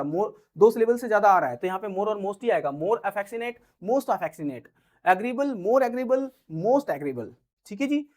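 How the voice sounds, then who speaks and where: A man teaching English grammar, who reads example sentences slowly and keeps checking that students follow. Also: high voice. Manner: slow, drawn-out reading of English example sentences; explains patiently, with frequent check-ins to students. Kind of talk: grammar lesson in Hindi.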